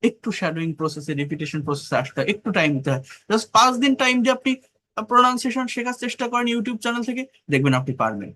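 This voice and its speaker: English tutor, Bengali-man, slightly high voice, slow repeated reading then brisk coaching. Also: big pitch swings, bright, forceful tone. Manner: slow, repeats phrases while reading dialogue. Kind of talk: online English class.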